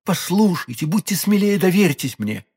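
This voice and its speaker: A man's voice: sits high, very animated, normal speed, a little mellow, husky, voice pushed up, exaggerated voice. A man voicing an ardent, insistent young musketeer in an audiobook. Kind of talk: audiobook character voice.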